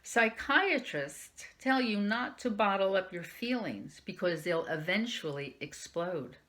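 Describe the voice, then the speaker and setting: A youth services librarian reads a young adult novel aloud in the first person, lifting her voice for quoted lines. She speaks unhurriedly at medium pitch, expressive and a bit bright.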